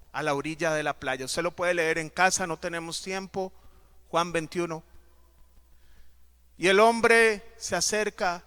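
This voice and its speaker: A man preaching a sermon as pastor, emphatic and dramatic, swinging between loud and soft. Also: sits high, smooth.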